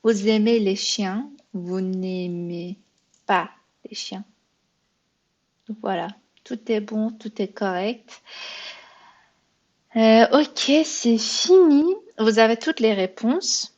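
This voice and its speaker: A woman's voice: medium pitch, slow, long pauses, darkish tone, highs cut off. A woman teaching a beginner language lesson, patient and thinking aloud as she explains, sometimes correcting herself. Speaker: French teacher.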